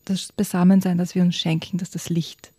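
Lady host, very dark mellow voice, breathy, soft and half whispered. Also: lowish voice, level tone, normal speed, no echo, clean studio sound. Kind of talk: casual conversation.

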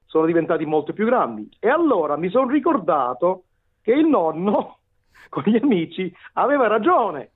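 A middle-aged man with a Neapolitan accent telling his story as a radio interview guest, hesitant and wordy, often repeating words. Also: high voice. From Naples, Italy. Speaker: interview guest, tenor and vocal coach. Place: remote call to a radio show. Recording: tinny phone-line radio call.

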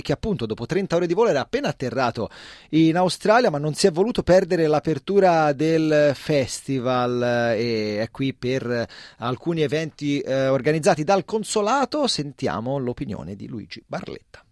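A man's voice: fairly high pitch, darkish tone, no echo. A man co-presenting a radio news program from a studio, reading scripted links. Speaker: radio co-host. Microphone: studio mic.

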